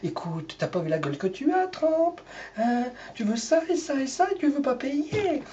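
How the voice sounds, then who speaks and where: A middle-aged man rants in a camp comic character, his high voice swooping wildly up and down. He talks theatrically and stretches out his exclamations. The recording is dull and lo-fi. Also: very animated, moderate pace, mellow, slight background noise. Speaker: comic performer. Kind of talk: comic rant monologue in character.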